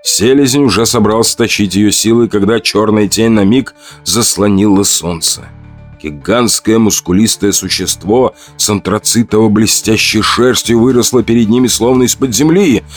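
A man giving expressive scripted narration of an audiobook. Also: on the low side, normal speed, faint music behind.

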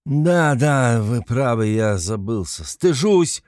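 A man voicing an excitable, tipsy young man who rants passionately in an audiobook reading. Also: mid-range voice, slow, no echo, studio quality. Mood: flustered. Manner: ranting, passionate, exclamatory.

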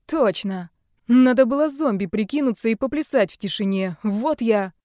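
A woman voicing a boastful middle-aged male psychic who shouts brashly. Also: mid-range voice, animated, normal speed, dry recording, studio quality, lightly acted. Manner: brash loud exclamations.

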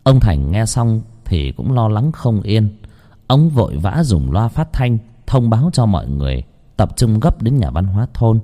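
A man's voice: lowish voice, sing-song, normal speed, dark tone. A man narrating a ghost story in a dramatic, suspenseful way. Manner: dramatic, suspenseful, wide-ranging delivery.

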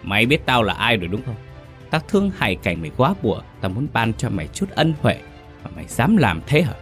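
A man's voice: on the low side, sing-song, fairly quick, a bit bright, faint music behind, voice pushed up. A man playing a brutal older village chief who growls and snarls his threats. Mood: menacing.

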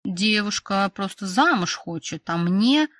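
A woman's voice: lowish voice, animated, normal speed, no room sound, studio quality, distant mic. A woman voicing a brash young male boss who is sly, smug and pushy, in an audiobook. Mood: coaxing. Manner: smug, wheedling, then snapping orders.

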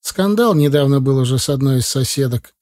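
A man's voice: medium pitch, expressive, a little fast, a little mellow, lightly acted. A man voicing a young indignant wife. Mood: defensive. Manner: tense, indignant. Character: young woman, defensive, trusting wife.

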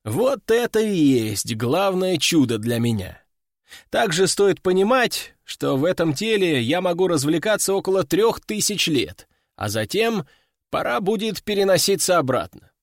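A man's voice: sits high, very animated, unhurried, dry recording, studio quality. A man narrating an audiobook in the first person, with a wry, ironic storytelling manner.

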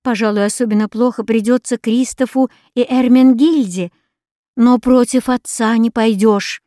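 A woman voicing a timid, gentle girl who is the tearful older sister, pleading softly in an audiobook. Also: fairly high pitch, fairly even intonation, moderate pace, no echo, clean studio sound, natural voice. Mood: coaxing. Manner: soft pleading.

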